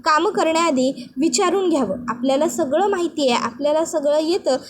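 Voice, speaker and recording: A woman's voice: high-pitched, expressive, brisk. A woman voicing a stern middle-aged mother-in-law who lectures her new daughter-in-law in a reproachful tone.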